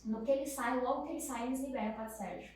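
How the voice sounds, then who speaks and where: A woman's voice: high voice, very fast, darkish tone, slight background noise. A Brazilian mother telling how her family lived through a hard time, in an emotional, pleading way. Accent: Brazilian Portuguese. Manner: tearful, pleading retelling. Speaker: guest, mother. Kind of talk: emotional testimony. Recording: echoey room, mic at a distance.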